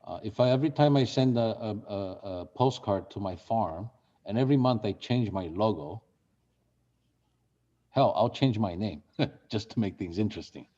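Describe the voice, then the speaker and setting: This man grew up in Brazil and runs a real estate marketing workshop, talking conversationally and putting questions to the group. His voice is fairly low and dark, he speaks at a moderate pace, and the recording has its highs cut off.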